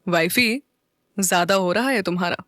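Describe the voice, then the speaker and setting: A woman voicing a calm, affectionate young man, a lawyer, speaking deeply and slowly in an audio story. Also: no echo, clean studio sound, close to an everyday voice. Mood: tender. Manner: deep, slow, low-key.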